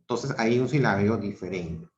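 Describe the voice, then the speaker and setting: A Peruvian man teaching an online grammar class. He talks slowly and deliberately, repeats each example syllable by syllable, and keeps checking in with "¿ok?" and "¿ya?". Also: on the low side. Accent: Peruvian Spanish. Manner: checks understanding with frequent "¿ok?" and "¿ya?". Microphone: video call. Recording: roomy, dull video-call audio.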